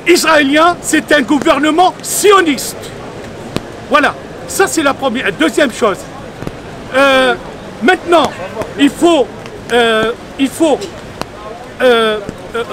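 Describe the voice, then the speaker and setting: A man's voice: very high voice, fairly bright tone, slight background noise. A man at an outdoor street protest, angry and insistent, stumbling over his words with many hesitations and repetitions. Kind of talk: street interview.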